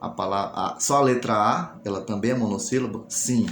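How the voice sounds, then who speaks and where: A man's voice: lowish voice, normal speed. A man teaching a recorded class, explaining step by step and asking and answering his own questions. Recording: echoey room, faint noise.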